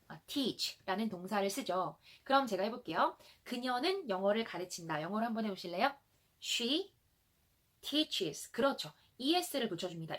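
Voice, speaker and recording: A young woman teaches a grammar lesson with a fairly high voice and a lively, swinging intonation. She explains each point patiently and reads model sentences slowly for learners to repeat. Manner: clear explanatory teaching with slow drilled example sentences. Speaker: English teacher.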